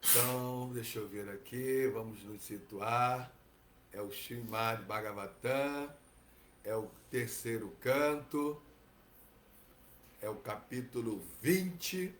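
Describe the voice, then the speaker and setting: A man with a Brazilian Portuguese accent teaching from scripture, relaxed and digressive, often adding tag questions. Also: mid-range voice, slow pace, echoey room, slight background noise. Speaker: Bhagavatam teacher. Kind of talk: reading and commentary on scripture.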